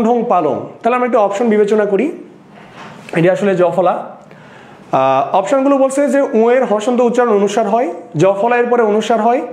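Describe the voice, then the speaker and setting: A high-pitched man with a Bangladeshi Bengali accent teaches an exam-prep lesson, explaining step by step. He keeps asking his students a question and then answering it himself. His voice rings in an echoey room. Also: darkish tone.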